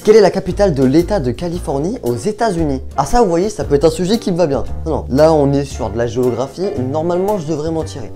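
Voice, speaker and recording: A man's voice: on the high side, lively intonation, fast, hardly any pauses, warm tone, faint music behind. A young man chatting casually to his viewers while thinking aloud, hesitant and chatty. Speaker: youtuber. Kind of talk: casual vlog chat.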